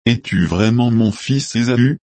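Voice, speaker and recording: A man voicing an old blind father giving his blessing, in a slow, solemn reading. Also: mid-range voice, dark tone, no room sound, pitched above the performer's own voice, natural voice.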